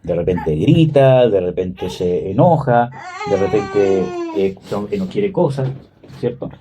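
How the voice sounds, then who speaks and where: A man in his thirties preaching a sermon in a conversational way, often checking with listeners and pausing on fillers. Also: lowish voice, lively intonation, background noise. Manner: conversational, frequent "¿cierto?" and "¿me entiende?" checks; hesitant fillers, "¿cómo se llama?". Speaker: pastor.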